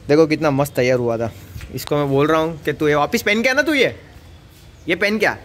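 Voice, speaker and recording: A young man from Surat, India vlogs outdoors in his housing society, casually teasing and coaxing the neighborhood kids. His voice is fairly high, animated, brisk and fairly bright, recorded on a noisy outdoor street.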